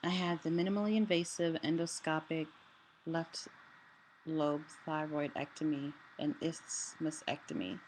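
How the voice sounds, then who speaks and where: A woman giving a casual personal update in a halting way, her voice limited in range and altered by a sore, swollen throat after surgery. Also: low voice, darkish tone. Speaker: vlogger sharing a health update. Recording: clearly noisy room ambience.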